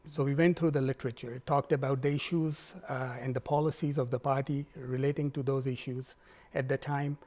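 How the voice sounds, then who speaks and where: A man speaks as a guest candidate. His delivery is measured and formal, and he tells his story steadily at a middle pitch. He answers questions in a plain, unhurried interview manner. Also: steady tone, a little mellow. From Pakistan.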